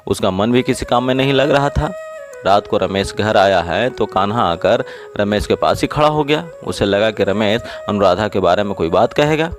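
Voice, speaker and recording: A man narrating a short story in a steady, earnest storytelling manner, then signing off to viewers. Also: lowish voice.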